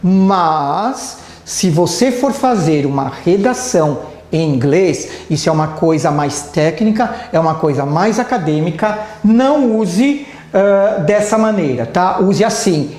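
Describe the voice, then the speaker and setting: A teacher with a Brazilian Portuguese accent leads a live English lesson, voice rising and falling in wide swings. They talk to the class warmly and stop often to check that everyone is following. The sound carries a roomy echo. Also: mid-range voice, a little slow. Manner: lively, keeps checking in with the class.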